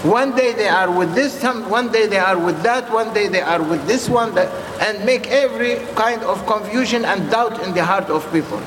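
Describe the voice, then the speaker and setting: A man who is a non-native English speaker preaching informally in short, halting, repeated phrases and putting questions to his listeners. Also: high-pitched, fairly bright tone. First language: not English. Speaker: Sufi preacher addressing followers. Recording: echoey reverberant hall with clear background noise.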